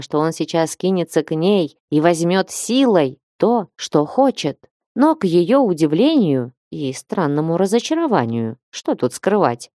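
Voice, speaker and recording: Woman audiobook narrator, low mellow voice, even measured reading, dry close recording. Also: no room sound. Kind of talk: scripted narration.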